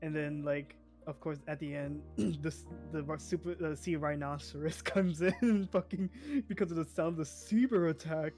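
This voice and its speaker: Laid-back podcast co-host, quick to laugh. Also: medium pitch, fairly even intonation, darkish tone, soft background music. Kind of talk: casual chat.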